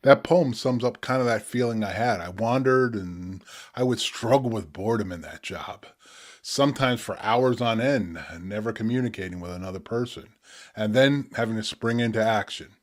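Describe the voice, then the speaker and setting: A man's voice: fairly low pitch, moderate pace. A man in his sixties speaks as a poet and presenter. He addresses his audience in a reflective, conversational way, explaining as he goes.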